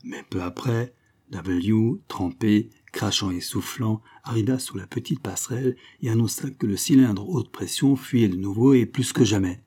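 A man narrating an adventure novel in a steady, even storytelling way. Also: fairly low pitch, moderate pace, husky. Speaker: audiobook narrator.

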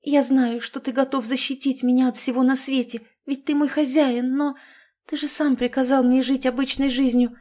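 A woman's voice: high-pitched, level tone, moderate pace, warm tone, voice pushed up, lightly acted. A woman voicing a devoted young woman who pleads breathlessly, in a read-aloud story. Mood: pleading.

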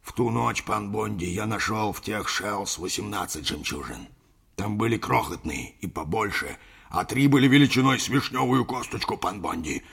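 A man's voice: fairly low pitch, moderate pace, creaky, fairly bright tone, husky, full character voice. A man voicing an older, sentimental sea captain who rambles through a yarn in an audiobook. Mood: yarn-spinning. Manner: rambling folksy storytelling, addresses listener as brother. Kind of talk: audiobook character reading.

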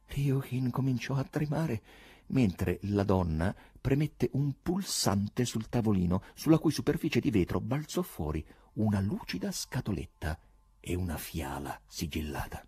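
A man narrating a novel in an expressive, theatrical reading, with a husky voice. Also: on the low side, measured pace, dry recording. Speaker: audiobook narrator. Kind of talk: dramatic literary reading.

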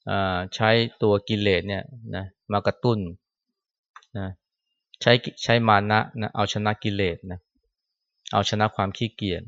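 A man's voice: lowish voice, gravelly. Male monk preaching informally in a temple hall; dry, muffled recording. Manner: conversational, ends phrases with a soft particle, acts out scolding quotes. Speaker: Buddhist monk giving a Dhamma talk. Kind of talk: sermon. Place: temple hall after chanting.

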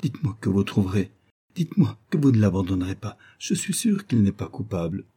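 A man's voice: on the low side, sing-song, a little fast, dark tone, breathy edge. A man voicing an anxious young woman who pleads with a trembling urgency, in an audiobook reading. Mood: pleading.

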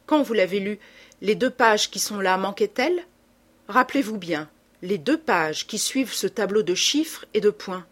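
An excitable young male sleuth, as a woman reader puts him on, urgent and pressing, his pitch leaping high when he is upset. The voice is slightly breathy, with a wide, lively melody. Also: moderate pace.

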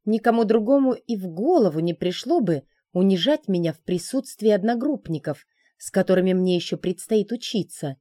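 A woman voicing a defiant, sharp-tongued young female student in a storybook reading, with indignant retorts and a voice raised above her narrating tone. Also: fairly low pitch, expressive, unhurried, dry recording, clean studio sound.

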